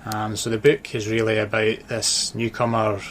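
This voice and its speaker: A Dundee-born author and sports journalist chats casually as a guest on a radio interview, his Scottish accent mixing Dundee, Glasgow and Edinburgh. His voice is low, a bit bright and completely flat, with little rise or fall, and he pauses to think. Background noise is clearly audible.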